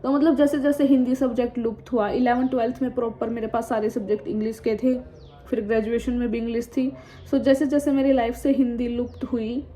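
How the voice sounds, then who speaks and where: A woman in her twenties chatting casually in a vlog, reading viewer comments aloud and frankly answering back, mixing English words into her talk. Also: on the high side. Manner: mixes Hindi with English words and phrases. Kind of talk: casual chat. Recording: dull, slightly muffled sound with faint background noise.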